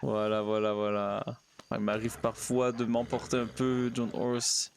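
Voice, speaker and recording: A man's voice: mid-range voice, completely flat delivery, a little slow, gravelly, a little hiss or hum. A man role-playing a naive pastor in a game, chatting to himself and coaxing his horse. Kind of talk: in-character role-play narration.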